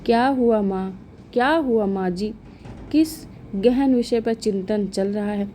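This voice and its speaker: A woman's voice: mid-range voice, slow, dark tone, slight background noise, lightly acted. A woman voicing a playful grown son in a storybook tale, teasing in a mock-serious way.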